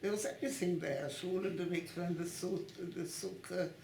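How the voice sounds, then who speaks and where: A woman in her nineties, born in Italy and raised in Italy and Switzerland, recalling her past in an oral history interview at her home, speaking haltingly and restarting often as she searches for words. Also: on the low side, fairly even intonation, gravelly, darkish tone, slight background noise. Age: 90s. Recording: roomy echo in a home.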